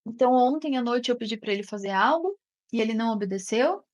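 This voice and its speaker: A woman's voice: a little high, animated, quick pace, darkish tone, dull audio. A woman teaching an online class in a conversational way, often checking in with her listeners. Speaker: therapist teaching an online course. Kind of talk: live online class talk.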